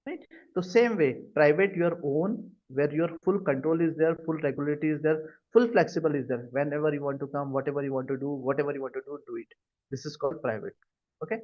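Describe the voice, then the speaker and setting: Leading a live online cloud computing session, an Indian-accented man speaks fast in a voice on the high side. He regularly checks comprehension with short questions, and the video-call recording is dull and lo-fi.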